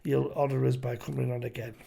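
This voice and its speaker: A man's voice: mid-range voice, level tone, quick pace, gravelly, husky. A man in his late fifties hosting a casual podcast interview, encouraging and calling his guest "mate". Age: 50s. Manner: warm, encouraging, frequent "yeah", calls guest "mate". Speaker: podcast host.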